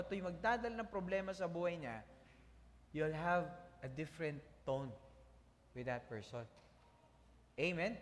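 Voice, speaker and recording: A man preaching a sermon as pastor, animated and calling out to the congregation for amens. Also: high-pitched, in a large hall.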